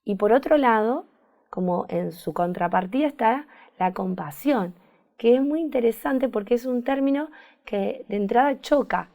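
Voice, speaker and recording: A therapist guest in a reflective conversational interview, this woman has a Rioplatense Spanish accent and a gravelly, dark-toned voice on the high side. She talks at a moderate pace, thinking carefully, often hunting for words and repeating herself.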